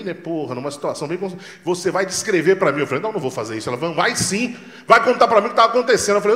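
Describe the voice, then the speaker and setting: A Brazilian man, probably in his forties, doing a stand-up comedy set, telling stories loudly and acting out the dialogue with lots of swearing, on a handheld mic on a club stage. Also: fairly high pitch. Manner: loud, animated storytelling with acted-out dialogue and swearing. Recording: roomy club sound.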